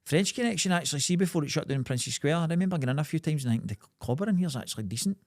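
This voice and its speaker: A man's voice: on the high side, expressive, racing, a little mellow, no room sound, clean studio sound. A Scottish man co-hosting a podcast, chatting casually in jokey, sweary comic banter. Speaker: podcast co-host.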